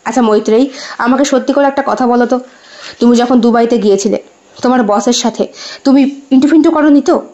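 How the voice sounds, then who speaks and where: A woman's voice: on the high side, brisk, dark tone, muffled recording, natural voice. A woman voicing an adult husband in an audio story, teasing and wary, hesitant at times.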